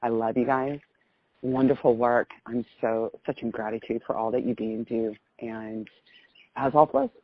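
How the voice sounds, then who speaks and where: This middle-aged American woman, calling in by phone, has an extremely low-pitched voice with a steady tone and normal speed. She gives an effusive, rambling, casual account of something personal. The audio is muffled, with no room sound.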